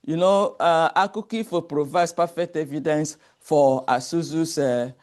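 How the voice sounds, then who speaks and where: A man presents at an academic conference in a measured, explanatory way. His voice sits a little high for a man, and he keeps things orderly, slide by slide. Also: darkish tone. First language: Igbo. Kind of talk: academic presentation with folk tale.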